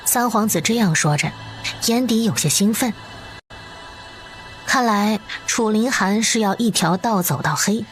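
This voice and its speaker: A woman narrating an animated drama in an expressive, story-reading way. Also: medium pitch, a little slow, long pauses, faint music behind.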